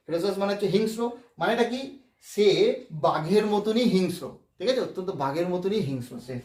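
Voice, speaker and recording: Male grammar teacher with a high voice. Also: lively intonation, a little fast, a little mellow. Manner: explains step by step, often asks "right?". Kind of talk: Bengali-language grammar lesson. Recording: echoey room, mic at a distance.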